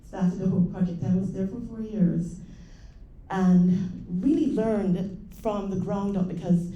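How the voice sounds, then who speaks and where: A middle-aged Jamaican panel speaker and assistant professor talks conversationally in a conference room, sprinkling in fillers and small laughs in her Jamaican accent. She has a medium-pitched, warm voice and goes a little slowly. The sound is dull and roomy, like a hall.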